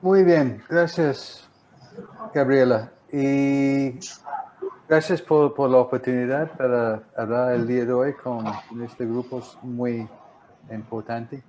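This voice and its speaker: An older man, a native English speaker with a gringo accent in Spanish, presenting a webinar haltingly and repeating words. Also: mid-range voice, steady tone, darkish tone, a little hiss or hum, rough recording. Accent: English-speaking foreigner's (gringo) accent in Spanish. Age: 50s or older. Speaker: presenter, marine insurance specialist.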